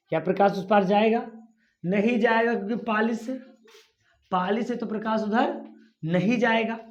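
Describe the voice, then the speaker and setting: A male physics teacher lecturing at a board, coaxing students with questions that he answers himself. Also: high voice. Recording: dull lo-fi recording.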